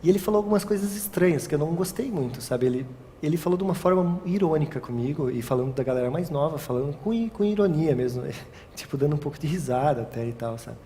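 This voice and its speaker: A man's voice: fairly high pitch, lively intonation, fast, dark tone. A young man, a wedding photographer giving a casual interview, rambling and tagging his sentences with questions. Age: young adult. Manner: rambling, frequent "sabe?" tags, restarts. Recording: long reverb, faint ambient noise.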